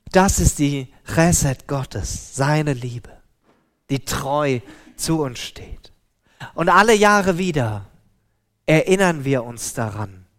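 A man preaching a sermon, slow and deliberate with emphatic pauses. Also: a little high, a bit bright.

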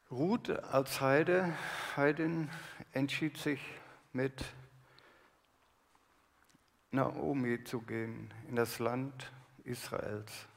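A man preaching a sermon, reading scripture aloud slowly and with emphasis, then explaining it. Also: medium pitch, vocal fry, big-room sound.

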